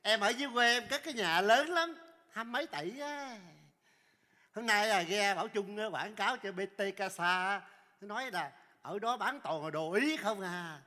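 A male comedian playing a loud, cocky country man who brags about his wealth in a stage sketch. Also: high voice, moderate pace, in a large hall. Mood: bragging. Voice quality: loud, excitable, bragging.

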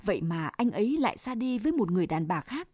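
A woman's voice: mid-range voice, sing-song, fast, darkish tone, husky, no echo, clean studio sound. A woman voicing a grieving young mother who speaks in a choked, tearful way.

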